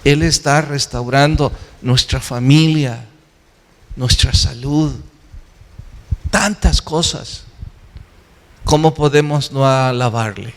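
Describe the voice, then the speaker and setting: A man's voice: medium pitch, slow, long pauses. A man preaching a sermon as pastor, earnest and exhorting, often asking questions and answering them himself. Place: church sanctuary. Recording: long hall reverb.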